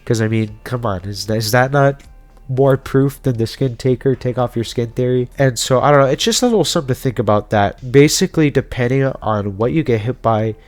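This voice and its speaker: A male video host talks through theories in a casual, informal and speculative explainer, with background music playing. He has a medium-pitched voice and speaks fairly quickly.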